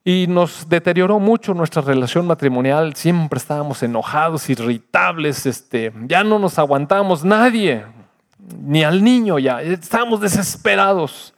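Earnest older pastor, raised pitch. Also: male voice, lively intonation, moderate pace. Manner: earnest, storytelling, swings from loud to hushed. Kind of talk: personal testimony sermon.

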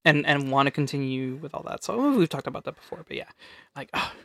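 A man co-hosting a podcast in casual chat, laid-back and loud, swearing freely. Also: medium pitch, lively intonation, fairly quick, gravelly. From California. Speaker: podcast co-host.

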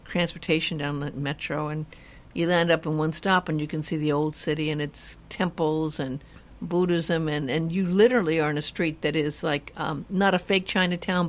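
A woman hosting a casual talk show, chatting in a rambling way with many restarts. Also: fairly low pitch. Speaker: host. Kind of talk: casual chat.

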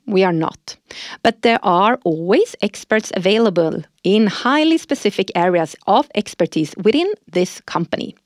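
A woman's voice: mid-range voice, no echo, clean studio sound. A woman hosting a corporate podcast who reads prepared lines and agrees with her co-host. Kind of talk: scripted corporate podcast dialogue.

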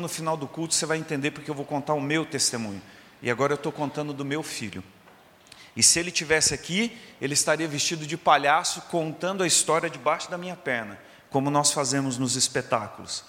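A man gives a sermon testimony in a church service. His voice is bright and forceful, a touch higher than most men's. He tells the story dramatically, dropping to a hush and rising again, and long reverb rings around him. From southern Minas Gerais, Brazil. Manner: dramatic storytelling, swinging from loud to hushed. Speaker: preacher giving testimony.

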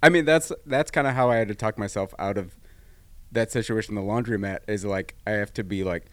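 A man's voice: lowish voice, a little fast, fairly bright tone, no echo. A man chatting casually as a podcast co-host, swearing as he tells stories about everyday frustrations. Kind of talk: casual chat.

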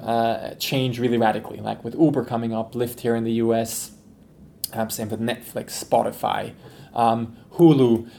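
Male podcast guest from Switzerland, a company executive, mid-pitched and gravelly, relaxed and thoughtful. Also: a little hiss or hum. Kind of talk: conversational interview answers.

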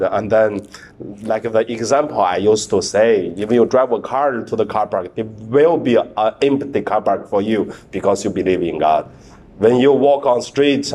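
Preaching with frequent fillers and repetitions, this Mandarin-speaking priest has a lowish voice with a darkish tone and a halting delivery.

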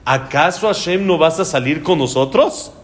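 A man teaching a Talmud lesson, telling the story in a lively way and often pausing on fillers. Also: fairly high pitch. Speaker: Torah teacher.

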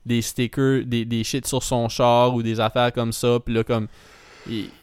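A man with a Québécois French accent chats casually and rambles through his story, leaning on fillers and slipping in English words. His voice is smooth and resonant. The sound is dry and close, with no room around it. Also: mid-range voice, little pitch movement, unhurried, a little mellow, no echo. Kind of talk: casual chat.

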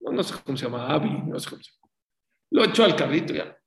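Animated man preaching in a roomy space. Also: on the high side, fast, vocal fry. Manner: animated, acts out story voices. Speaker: religious teacher. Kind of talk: sermon with storytelling. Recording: roomy echo.

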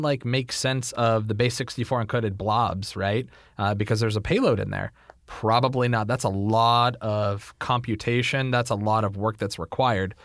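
A man's voice: lowish voice, no room sound, studio quality. A man co-hosting a podcast, explaining things casually with lots of fillers. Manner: rambling, many fillers like "like" and "uh". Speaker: podcast co-host.

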